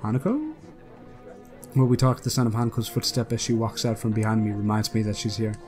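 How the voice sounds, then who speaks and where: Let's player, man, low voice, casual game narration with quick asides. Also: level tone, darkish tone, soft background music. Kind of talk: reading a visual novel aloud with commentary.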